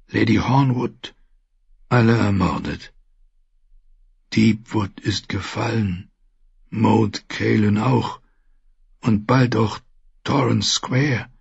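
A frail old maester near death, his voice a faint, breathy half-whisper that sits a little above the reader's own, as a male narrator puts him on. He speaks slowly and gently through the pain, with a husky, dull audiobook sound. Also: fairly low pitch, no room sound, heavily acted. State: in pain, dying. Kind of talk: audiobook character voice.

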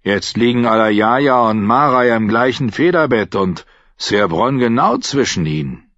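A man doing a smug, gruff sellsword. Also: medium pitch, animated, a little slow, fairly bright tone, dry recording, muffled recording, pitched above the performer's own voice. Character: cocky, grinning male sellsword.

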